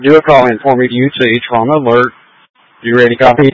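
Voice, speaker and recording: A man's voice: medium pitch, steady tone, fast talker, dull audio, slight background noise. A male paramedic giving a terse patient report over a two-way radio that keeps cutting out, his words choppy and clipped. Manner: terse, clipped medical shorthand. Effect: choppy radio transmission cutting out.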